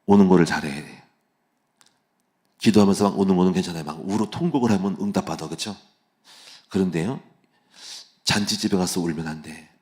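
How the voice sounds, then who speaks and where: A man with a very deep, low voice delivers a dawn church sermon. He keeps it casual and conversational, asking his listeners rhetorical questions. He slips into animated storytelling as he goes. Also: fairly quick, long pauses. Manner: casual, conversational preaching with plain speech endings and rhetorical questions; vivid storytelling that acts out quoted voices. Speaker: pastor. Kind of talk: early-morning church sermon. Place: church sanctuary.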